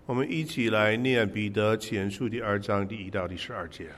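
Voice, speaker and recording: A man's voice: on the low side, a bit bright. Man preaching in a reverberant hall. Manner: halting, conversational, pauses for interpreter. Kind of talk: interpreted sermon in short phrases. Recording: echoey hall with long reverb.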